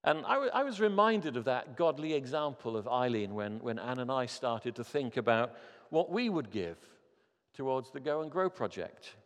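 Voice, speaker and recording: Male pastor, 50s, mid-pitched, earnest sermon delivery with emphatic appeals; long reverb of a church hall. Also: lively intonation, moderate pace, fairly bright tone.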